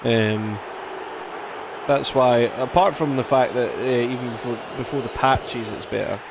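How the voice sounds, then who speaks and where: A man's voice: medium pitch, measured pace, background noise. A man commentating casually on his own live game stream, chatting and reacting to the play. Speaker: gaming streamer.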